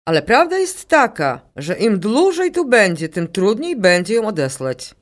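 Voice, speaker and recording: Woman putting on a calm bossy ukrainian-accent psychic lady, slow and insistent, voice swoops around a lot. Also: medium pitch. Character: female Ukrainian psychic medium, calm, commanding. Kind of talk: audiobook character reading.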